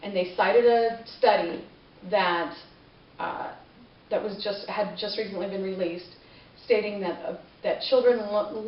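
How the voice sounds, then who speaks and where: A woman's voice: mid-range voice, a little hiss or hum. A woman makes a persuasive speech in a classroom in a casual, talky way and keeps asking her listeners questions. She sounds as if she stands some way back from the camera. The room echoes, and the sound is dull and muffled. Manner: conversational, with rhetorical questions. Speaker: parent giving a class speech. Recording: distant, roomy, dull classroom recording.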